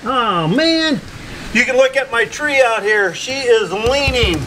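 Middle-aged male farmer, playful joker, very high voice, outdoor farmyard ambience. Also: animated, a little slow, sharp tone, a little hiss or hum. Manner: joking, playful. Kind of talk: casual vlog talk. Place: outdoors on a farm.

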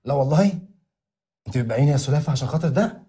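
An actor playing a pushy, mocking ex-husband in a comedy series, talking in a rapid, brash way. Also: male voice, mid-range voice, lively intonation, dark tone, lightly acted. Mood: taunting. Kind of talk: TV comedy drama acting.

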